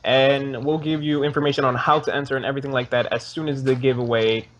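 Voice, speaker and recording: A man's voice: mid-range voice, fairly even intonation, fast talker, a bit bright. A teenage boy hosting a casual game session with a friend, chatting, joking and asking viewers for likes. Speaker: gaming channel host.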